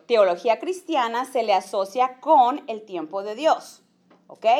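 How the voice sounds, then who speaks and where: A woman giving an informal church talk to women, often checking in with the audience, dropping in English phrases and acting out small scenes. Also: on the high side. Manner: acts out little quoted scenes. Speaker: speaker at a women's church gathering.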